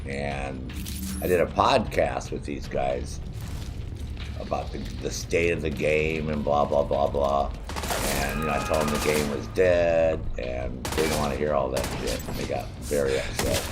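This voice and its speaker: A man with a soothing bass voice casually live-streams a shooter game, chatting and swearing freely. He speaks in a steady tone, a little slowly, with heavy background noise and game gunfire over his voice.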